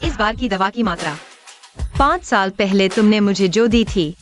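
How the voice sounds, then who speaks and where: A woman's voice: medium pitch, expressive, moderate pace, faint music behind, lightly acted. A woman voicing a cold vengeful young woman. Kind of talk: Hindi dub of a short drama.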